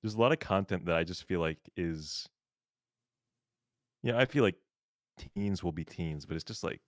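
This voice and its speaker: A young man with a very deep voice chats loosely on a livestream, full of fillers and easy laughter. His voice sits close and dry, with no room sound behind it. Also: animated, normal speed, dry recording. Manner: laughs often, rambling with many fillers. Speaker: streamer. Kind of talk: casual chat.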